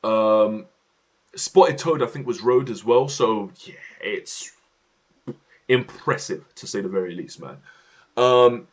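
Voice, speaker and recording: A man's voice: fairly low pitch, slow pace, pauses often. A young man chatting casually on his livestream, slang-heavy and talkative, in his home office.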